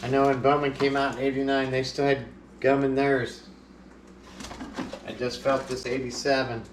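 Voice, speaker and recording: A man's voice: medium pitch, level tone, normal speed, slight background noise. Earnest man musing in an echoey room. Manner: earnest, reflective, nostalgic musing. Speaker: sports card collecting channel host. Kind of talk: casual vlog monologue.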